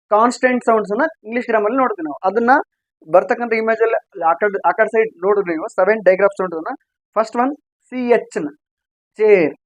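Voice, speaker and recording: A man's voice: high-pitched, no echo, dull audio. A man teaching English grammar sounds, repeating points and asking and answering his own questions. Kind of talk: explaining a lesson to viewers.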